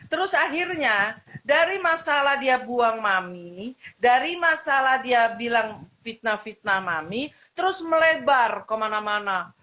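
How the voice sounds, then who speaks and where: A woman speaks in a high, bright voice. She tells her side of a family quarrel in an emphatic, scolding way and keeps firing rhetorical questions. The delivery is heated and insistent. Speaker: vlogger telling her side of a family dispute. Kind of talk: heated personal account to camera.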